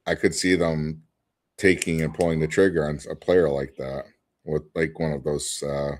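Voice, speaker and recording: A man's voice: very deep voice, little pitch movement, moderate pace. A man co-hosting a casual sports podcast, his voice cutting in and out over an online call as he talks in a loose, rambling way. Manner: loose, rambling talk with fillers. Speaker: podcast co-host.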